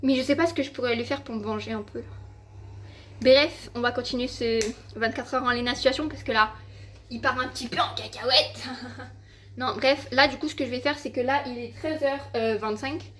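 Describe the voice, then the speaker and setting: A woman's voice: fairly high pitch, normal speed, a bit bright. A teenage girl vlogging at home into her handheld phone, rambling with lots of fillers and casual swearing. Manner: rambling, filler-heavy, swearing, exasperated storytelling. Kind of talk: casual vlog chat to camera.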